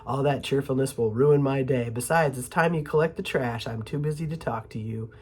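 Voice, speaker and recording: A woman's voice: extremely low pitch, a little fast, darkish tone, husky. A woman with a cold voicing a grumpy male grouch who grumbles at everyone. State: sick with a cold. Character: grumpy male trash-can grouch, gruff and rude.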